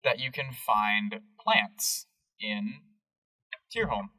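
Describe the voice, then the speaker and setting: A man runs a tabletop game as game master, piling up lists with rambling enthusiasm. His voice is bright and sits a bit far from the mic. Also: medium pitch, big pitch swings, extremely slow, husky.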